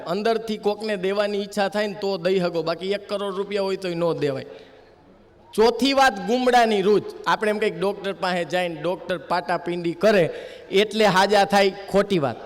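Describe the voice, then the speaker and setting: A man's voice: high-pitched, in a large hall. A man performing a stage comedy monologue, telling folksy stories that land on punchlines. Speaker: humorist.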